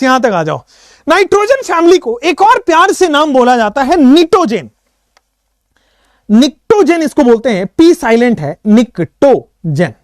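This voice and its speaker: A male chemistry teacher with a high, bouncy voice that swoops up and down as he jokes with his students. He talks in a playful, teasing way and chants memory tricks in a sing-song. The sound is dry and close, with no room around it. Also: no room sound. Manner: playful, teasing, mixes English phrases; lively, sing-song when reciting mnemonics. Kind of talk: casual online lecture.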